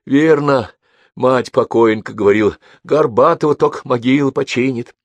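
A man's voice: mid-range voice, moderate pace, no echo, pitched above the performer's own voice, lightly acted. A man voicing a serious, stern middle-aged daughter who scolds her brother.

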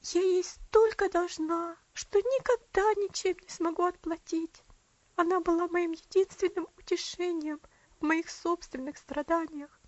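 A woman voicing a kind aunt who weeps and pleads, her voice high and breaking. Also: steady tone, a little slow, no room sound, highs cut off. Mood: tearful. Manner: weeping, pleading.

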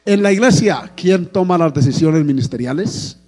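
Male pastor, mid-high warm voice, sermon delivered in a reverberant hall. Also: expressive, moderate pace. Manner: preaching to a congregation with frequent "amén" and "alabado el nombre de Jesús".

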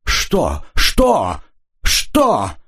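A man voicing a timid, flustered old man who stammers hoarsely. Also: medium pitch, wildly swooping pitch, very slow, fairly bright tone, pitched above the performer's own voice, heavily acted. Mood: frightened.

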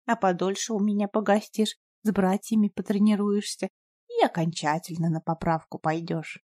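A woman voicing a gentle, loving old grandmother who speaks softly and soothingly. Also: medium pitch, steady tone, normal speed, no room sound, studio quality, lightly acted. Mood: tender. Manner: soft, tender, soothing.

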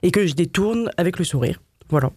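A woman from Paris, a graphic designer, chatting as a guest in a casual interview, laughing often and filling pauses with many hesitations. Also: lowish voice, animated, darkish tone. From Paris, France.

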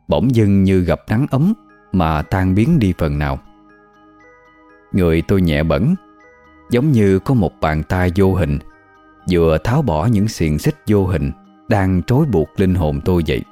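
Deep mellow male horror narrator. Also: faint music behind. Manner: measured, steady storytelling. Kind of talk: scripted horror story narration.

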